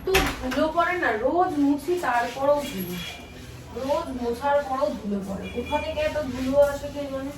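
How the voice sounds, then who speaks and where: This woman, a family vlogger, speaks at normal speed in a high, animated voice. Though tired, she chats casually with viewers about chores and lost sleep, recorded distant from the mic in a noisy, echoey room.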